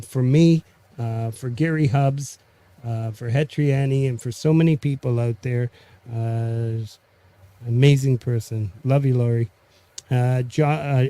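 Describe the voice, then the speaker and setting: A man with a French Canadian accent hosting a casual, unscripted live stream, halting and pausing mid-sentence. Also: mid-range voice, dark tone, no echo. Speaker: host of a music community live stream.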